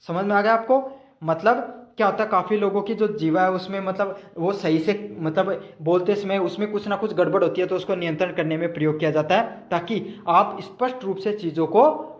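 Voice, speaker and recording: Walking students through multiple-choice exam answers, a high-voiced man speaks at a moderate pace in an echoey room. He asks himself questions out loud, then answers, rephrasing every point.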